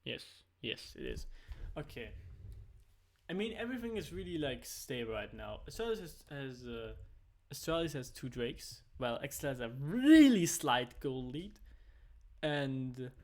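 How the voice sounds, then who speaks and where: A man casually commentating a live esports match, rambling and correcting himself, then bursting into excited shouts and casual swearing when fights break out. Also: medium pitch. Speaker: esports co-caster.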